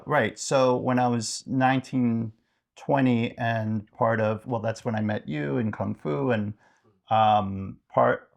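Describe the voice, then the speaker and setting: A man's voice: medium pitch, creaky. A middle-aged man, a podcast co-host, talking reflectively in a casual chat and thinking aloud with many fillers.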